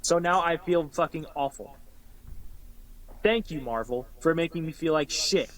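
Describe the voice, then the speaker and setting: A man co-hosting a casual podcast chat, talking in an animated, emphatic way and swearing freely. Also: on the high side, a little slow, rough recording. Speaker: podcast co-host.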